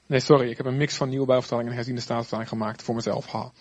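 A man preaching a sermon in a lively, conversational way with chatty asides. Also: medium pitch, very fast. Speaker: pastor.

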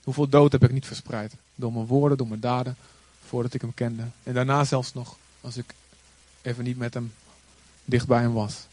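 A man who is a pastor, telling a story in a calm, earnest way and acting out the voices of the people he quotes. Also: medium pitch, normal speed. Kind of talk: sermon-style storytelling.

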